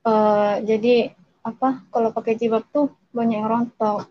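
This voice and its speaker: A young woman telling her personal testimony in a hesitant, halting way, retelling conversations with her parents. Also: on the high side, flat delivery, slight background noise. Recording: dull lo-fi recording.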